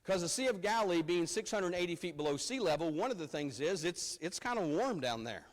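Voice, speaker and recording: Man, pastor, pulpit microphone, somewhat high voice, conversational sermon with repeated words, long church reverb. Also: lively intonation, fairly quick. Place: church sanctuary.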